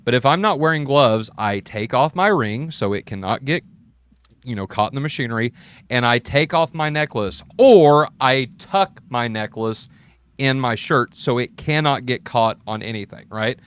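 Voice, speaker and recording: A man's voice: medium pitch, lively intonation, moderate pace, fairly bright tone, clear, resonant tone, no room sound. A man, a welder, talking things through in casual chat and often checking in with "right?". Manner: explains with examples, keeps checking in with "right?". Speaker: welder on an open mic panel.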